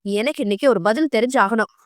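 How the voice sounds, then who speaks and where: A woman voicing an exasperated middle-aged mother in an audio novel, scolding her daughter in rapid bursts. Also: on the high side, dry recording, clean studio sound, natural voice.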